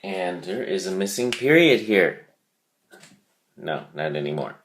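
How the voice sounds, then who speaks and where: Man, teacher, low voice, very slow, deliberate, repeats words for emphasis. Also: lively intonation, a bit bright. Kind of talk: vocabulary lesson.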